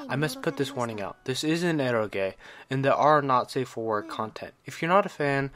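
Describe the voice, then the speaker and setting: This scripted game review comes from a man whose mid-range voice is a bit bright, and he narrates it eagerly and opinionatedly. Music plays behind him.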